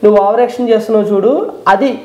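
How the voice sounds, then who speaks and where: A man's voice: high voice, fast, mellow, roomy sound, dull audio. A man arguing defensively, repeating the same questions again and again. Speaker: prank target. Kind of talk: heated argument.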